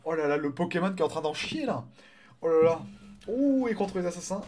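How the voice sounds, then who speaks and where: A man casting a live online game tournament, chatty and excitable, greeting viewers and swearing casually. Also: sits high, a little fast. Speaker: tournament caster and streamer.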